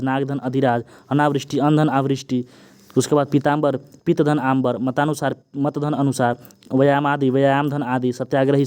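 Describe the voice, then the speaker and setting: A young man teaching an exam-prep Hindi grammar lesson, running quickly through word lists and often checking in with the students. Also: mid-range voice, darkish tone, smooth. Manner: rapid list-reading with frequent "ठीक ना" checks and "Babu" address.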